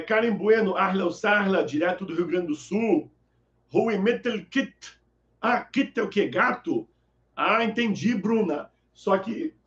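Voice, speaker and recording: Man, high voice, slow, chatty teacher, roomy dull stream audio. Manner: lively, joking, reads chat names aloud. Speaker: Arabic teacher hosting a live class. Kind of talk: live online lesson, chatty.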